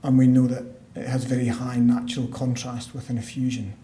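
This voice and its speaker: In a conference hall with spacious acoustics and a little background noise, a Scottish man who works as a pulmonologist lectures in a measured way, frequently pausing on fillers and starting over. His voice is mid-range, level and mellow.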